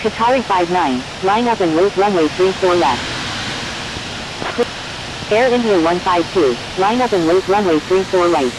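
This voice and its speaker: A woman's voice: measured pace, long pauses. A woman voicing a formal flight simulator radio operator in clipped, procedural cockpit-headset phraseology. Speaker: air traffic controller and pilot radio voice. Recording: clear steady hiss and rumble.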